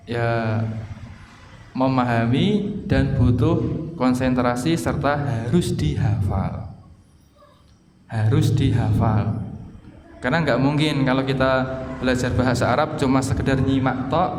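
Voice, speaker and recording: A man teaching Arabic to a congregation, explaining slowly, asking and answering his own questions, and chanting phrases for the class to repeat. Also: mid-range voice. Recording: echoey hall, faint ambient noise.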